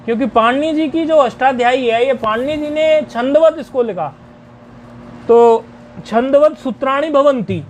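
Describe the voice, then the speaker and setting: Slow, high-voiced man teaching grammar. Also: slight background noise. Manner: slow, deliberate, chants sutras syllable by syllable. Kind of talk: explanatory lecture.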